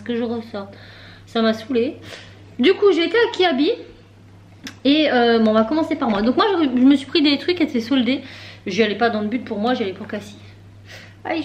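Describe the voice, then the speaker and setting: A woman's voice: sits high, a little hiss or hum. A woman in her thirties, chatting casually and laughing at herself while she vlogs from her car. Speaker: vlogger. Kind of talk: casual chat vlog.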